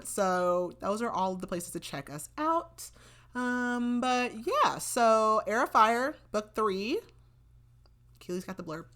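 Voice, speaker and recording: A woman co-hosts a book podcast in casual conversation, laughing often and trailing off mid-sentence. Her medium-pitched voice is bright and forceful.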